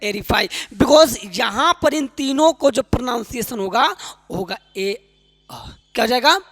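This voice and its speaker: In a recording with long hall reverb, a woman's slightly high, expressive voice moves at a somewhat slow pace as she lectures an online English speaking class. She explains pronunciation rules, asks her listeners questions over and over, and stays affectionate and encouraging.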